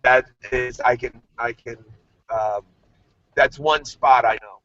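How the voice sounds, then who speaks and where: A man speaks haltingly over a video call, his audio glitching and breaking up as he talks. The sound is muffled and dry, with no room around it. His voice sits at an ordinary middle pitch. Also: steady tone, pushed and bright, no echo. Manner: halting, hesitant phrasing. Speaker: course instructor.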